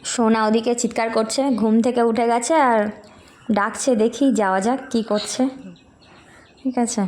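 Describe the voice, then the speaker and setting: A woman's voice: on the high side, flat delivery, moderate pace. A young woman narrating a casual family vlog, chatting directly to her viewers about her day. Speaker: vlogger mother.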